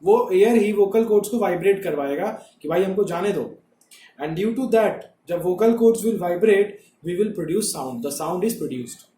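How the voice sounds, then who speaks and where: A male teacher explains a lesson in a high, mellow voice. He repeats each point and keeps asking his class whether they follow. The echoey room rings around him. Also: slight background noise. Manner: repetitive, checks understanding with rhetorical questions. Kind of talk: classroom lecture.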